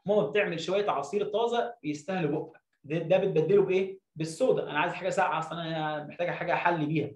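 A high-pitched man with an Egyptian Arabic accent, teaching. He drags out example sentences slowly, rushes through his explanations, and breaks words into syllables. The room around him is echoey. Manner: says example sentences slowly, then explains in quick bursts. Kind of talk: classroom-style explanation.

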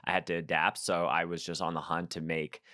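A man's voice: low-pitched, brisk, dry recording, clean studio sound. A man hosting a podcast, talking casually with lots of ums and likes. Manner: relaxed, filler-heavy talk with frequent "like" and "um". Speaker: podcast host. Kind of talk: casual interview chat.

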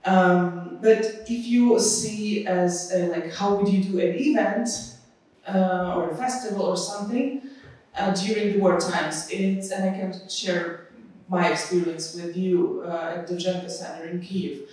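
A woman's voice: on the low side, steady tone, unhurried, a little mellow, far from the mic. A woman, speaking as a conference panelist in an earnest, explanatory way. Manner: earnest, explanatory, gesturing with free hand. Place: conference stage in a hall. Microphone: handheld mic. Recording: echoey hall, mic heard from afar.

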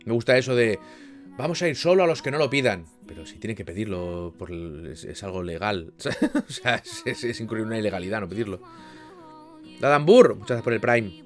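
A man's voice: fairly low pitch, animated, brisk. Guy streaming, chatting w chat, rambly and jumpy, faint music behind. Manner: chatty, rambling, with frequent restarts and sudden loud bursts. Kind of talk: casual live-stream chat with viewers.

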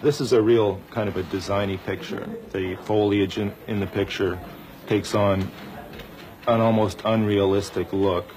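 Very deep male voice, monotone, explanatory interview, layout artist, background noise. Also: normal speed, rough recording. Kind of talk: explaining work in a documentary interview.

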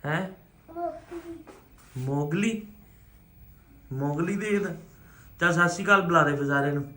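A man's voice: fairly high pitch, unhurried, sharp tone. A man with a Punjabi accent, filming a casual home vlog and coaxing and reassuring a small child. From Punjab, India. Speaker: family vlogger. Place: indoors at home. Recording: echoey room, faint background hum.

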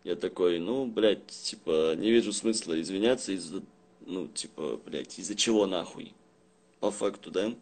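Low-voiced young man, rough street slang. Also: moderate pace, darkish tone. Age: young adult. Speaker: live streamer. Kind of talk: casual livestream chat. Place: small indoor room at home. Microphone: phone at arm's length.

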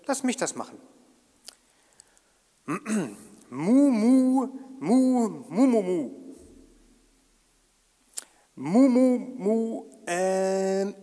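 An actor playing a patient, wise male guide in an audio drama, calm and reassuring with a dry self-ironic streak. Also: sits high, extremely slow, pauses often, big-room sound, full character voice. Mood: comic.

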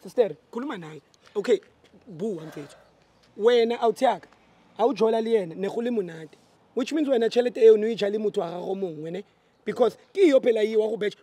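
High-voiced South African man hosting. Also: quick pace, warm tone, no room sound. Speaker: vlog host confronting a debtor. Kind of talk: street confrontation vlog, mixing languages.

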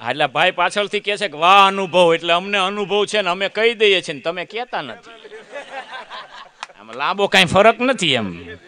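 A man's voice: high voice, very animated, normal speed, pushed and bright. A man doing a comic monologue, telling a chatty story, acting out other people's lines and teasing the audience. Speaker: comedian.

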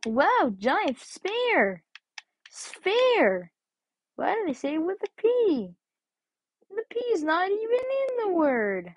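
Goofy male hedgehog hero, put on by a woman: high, lively, exaggerated amazement; playful fan dub. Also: takes it slowly, a little hiss or hum, heavily acted, rough recording. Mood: amazed. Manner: silly, gushing, exaggerated amazement.

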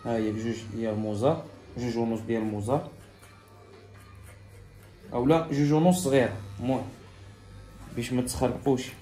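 A man with a Moroccan accent teaches a haircut in his barbershop, speaking directly to viewers and repeating each step as he goes. His mid-range voice is mellow and fairly even, a little fast with frequent pauses, set in a reverberant space with faint music behind.

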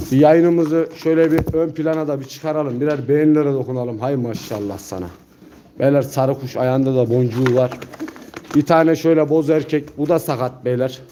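A man's voice: medium pitch, warm tone. A man talks like an auctioneer hosting a live pigeon sale, urging viewers to look. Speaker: pigeon auction host, seller. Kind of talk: live-stream sales patter to viewers. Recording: echoey room with faint noise.

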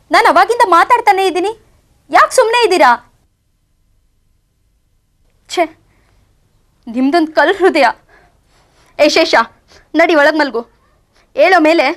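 A devoted young wife in a televised drama, her voice high and bright. She talks earnestly and pleadingly to her husband. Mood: exasperated. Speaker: wife searching for her in-laws. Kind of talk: TV serial acting.

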